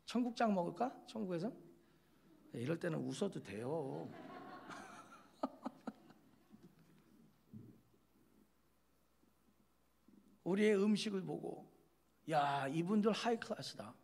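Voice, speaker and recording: A man's voice: high-pitched, sing-song, very slow, gravelly, pauses often, a little mellow, breathy edge. A male pastor giving a chatty, joking sermon, speaking straight to his listeners and acting out little quoted scenes.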